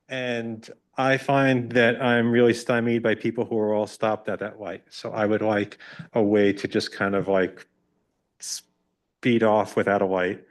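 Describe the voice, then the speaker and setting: A man giving an informal public comment at a meeting. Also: mid-range voice.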